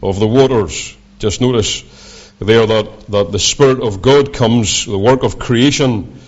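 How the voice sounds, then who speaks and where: A man with a broad Scottish accent preaching a sermon as a visiting preacher, in measured, deliberate, halting phrases. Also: mid-range voice. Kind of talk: sermon with scripture readings. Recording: dull, lo-fi sound.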